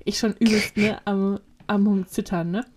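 A woman's voice: medium pitch, fairly even intonation, measured pace, a little mellow, a little hiss or hum. A young woman co-hosting a casual podcast chat, telling a story animatedly and acting out quotes. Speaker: podcast co-host.

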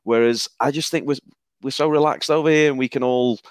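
Northern English man, smooth podcast host. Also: medium pitch, fairly even intonation, brisk, no echo. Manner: chatty, stumbles and repeats words. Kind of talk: casual podcast chat.

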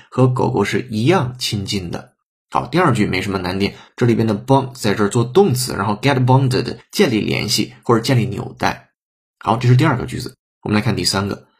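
A man's voice: mid-range voice, husky. A man teaching an English lesson, breaking sentences down step by step and sometimes spelling words out letter by letter. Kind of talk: explanatory language lesson.

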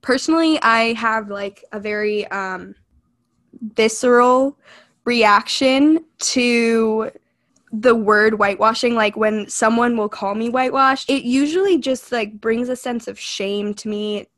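A young Californian woman co-hosts a podcast, speaking in a high-ish, fairly bright voice a little slowly. The casual chat is earnest and reflective, filled with frequent "like" and "you know".

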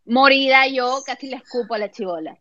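Woman, young adult, Peruvian Spanish accent, podcast co-host, self-mocking chatter, fairly high voice, muffled lo-fi mic. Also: fairly quick, a bit bright, dry recording. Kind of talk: casual chat. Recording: dull lo-fi dry mic.

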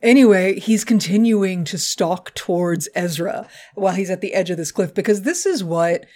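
A woman co-hosting a podcast, recapping a cartoon episode in an animated, joking, profane way. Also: medium pitch, normal speed. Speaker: podcast co-host.

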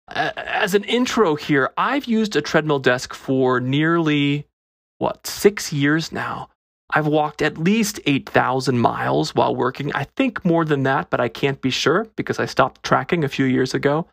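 A man's voice: mid-range voice, gravelly, fairly bright tone, no echo, clean studio sound. A man hosting a casual solo podcast, talking in a wry, conversational way, recorded on a phone microphone held up to his face. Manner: conversational, wry and self-deprecating. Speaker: podcast host.

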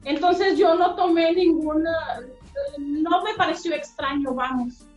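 A woman's voice: very high voice, measured pace, faint music behind. A Mexican woman telling her life story earnestly as an interview guest, heard over a remote call. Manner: earnest, emotional retelling. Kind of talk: personal storytelling. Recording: echoey, dull remote call audio.

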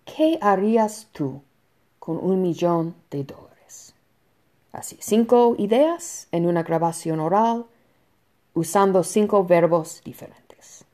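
A woman teaching a Spanish lesson to students, explaining slowly and patiently with soft fillers between points. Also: fairly low pitch, lively intonation. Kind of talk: recorded online lesson.

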